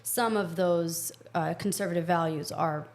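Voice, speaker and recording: Woman from egypt, podcast guest, low gravelly voice, frank and opinionated. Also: fairly even intonation. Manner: frank, opinionated, talks in quick bursts. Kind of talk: casual interview conversation.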